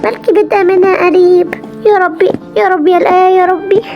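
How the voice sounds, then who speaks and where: A woman's voice: very high-pitched, steady tone, dull audio, faint music behind. A woman voicing a young girl, an anxious and loving little sister who talks in a pleading, childlike way. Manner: childlike, pleading, quick and breathless. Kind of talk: amateur game drama voice acting.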